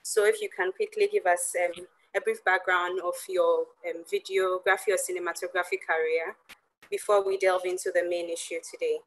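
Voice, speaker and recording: A woman's voice: on the low side, flat delivery, moderate pace, rough recording. A woman hosting a virtual conference, introducing a guest and asking chatty, searching questions over a video call. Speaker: conference host.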